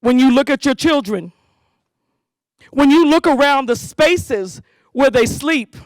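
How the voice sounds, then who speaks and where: At a school community safety event, a woman host addresses parents in an animated speech and leads them in call-and-response chants. She speaks slowly in a high voice, and the recording is dry.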